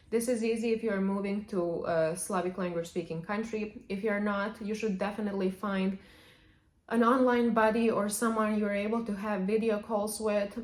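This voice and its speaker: A Serbian-speaking language vlogger with a medium-pitched voice gives casual language tips to camera. She's chatty and starts many sentences with "however", and the room sounds echoey.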